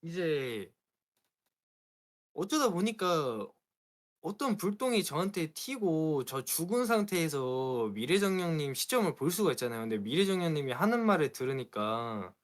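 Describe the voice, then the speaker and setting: A man, a streamer, telling a story in a casual chat, animated and aggrieved. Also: a little high, normal speed. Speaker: streamer guest.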